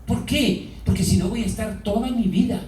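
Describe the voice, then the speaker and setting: High-voiced priest in an echoey church. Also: male voice, a little mellow, a little hiss or hum. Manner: asks the congregation questions, drawn-out emphasis. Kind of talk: sermon. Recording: echoey hall, mic far off.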